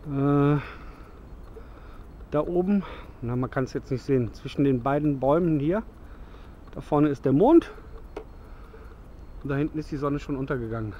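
A man in his thirties rambles cheerfully through a gear demo in the woods as dusk falls, correcting himself along the way. His voice sits somewhat high. He is close to a handheld camera, with faint outdoor noise behind him. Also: animated, moderate pace, long pauses, muffled recording. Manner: chatty, rambling, self-correcting. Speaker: bushcraft vlogger.

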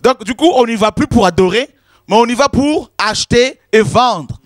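A man's voice: very high voice, animated, moderate pace, no room sound, studio quality, faint music behind. A man preaching a sermon, emphatic and repetitive, often calling his listeners "my friends". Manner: emphatic, repetitive, addresses listeners as "mes amis".

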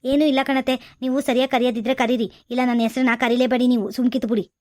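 A woman's voice: a little high, fairly even intonation, quick pace, a little mellow, dry recording, natural voice. A woman playing a spoiled young daughter-in-law from the city who complains and talks back, in a comedy skit. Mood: complaining.

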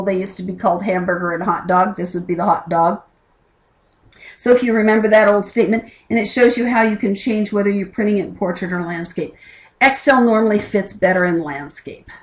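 A woman's voice: medium pitch, rough recording. A middle-aged woman teaching a college class by video from her desk, chatty and plain-spoken, with asides. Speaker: college instructor. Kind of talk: recorded class lesson. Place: home desk with keyboard and lamp. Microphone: camera over the desk.

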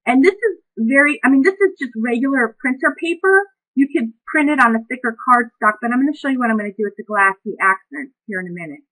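A woman with a bright, high-leaning voice walks through a craft project step by step. She speaks in a calm, reflective, unhurried way, narrating what her hands are doing. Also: poor audio. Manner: talks through each step as she works. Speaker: craft demonstrator. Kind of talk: craft demonstration.

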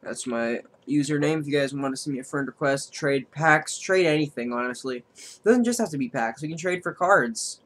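A man's voice: on the high side, moderate pace, slight background noise. Man thinking aloud over a card game. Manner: thinks aloud, counts damage out loud. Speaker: streamer. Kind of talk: live gameplay commentary.

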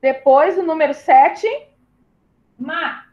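Her voice sits high, and the recording is muffled. A primary school teacher from southern Brazil, she guides young kids through syllables in an online lesson with patience, spelling them out slowly and calling each pupil "my love."

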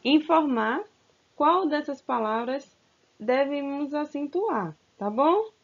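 A woman's voice: sits high, expressive, slow pace. A woman teaching a recorded grammar lesson to children, stretching out words and coaxing them with questions. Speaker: school teacher. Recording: slightly dull, lo-fi sound.

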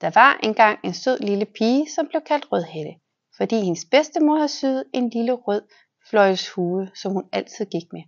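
A young woman who works as a children's physiotherapist reads a fairy tale aloud in a large exercise room. Her voice sits at medium pitch with the highs cut off, and she gives the wolf and the girl lively character voices.

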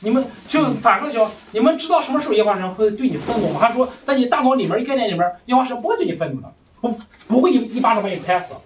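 Fast, high-voiced man preaching in an echoey room. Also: expressive, a little hiss or hum. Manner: emphatic, fires rhetorical questions. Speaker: preacher leading a discussion. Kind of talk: casual religious discussion. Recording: echoey room, far from mic.

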